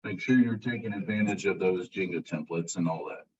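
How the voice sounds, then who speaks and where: A male college instructor giving a casual classroom lecture, relaxed and self-described as monotone. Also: deep voice, brisk, husky. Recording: muffled, distant classroom recording.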